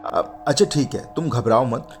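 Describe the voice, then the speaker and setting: A man's voice: mid-range voice, expressive, normal speed, close to an everyday voice. A man voicing a worried young woman on the phone, puzzled and questioning, with a raised voice. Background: background music.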